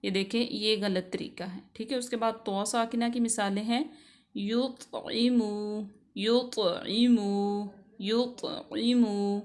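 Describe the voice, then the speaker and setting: A woman teaching a spoken recitation lesson, drawing out each example word slowly and having listeners repeat after her. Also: fairly high pitch, fairly even intonation. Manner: drawn-out elongated recitation of example words. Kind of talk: slow spoken tajweed lesson.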